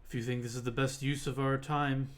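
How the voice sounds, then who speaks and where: A man playing a tabletop game, speaking in a measured, level way. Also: mid-range voice, flat delivery. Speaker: player. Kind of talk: casual tabletop play.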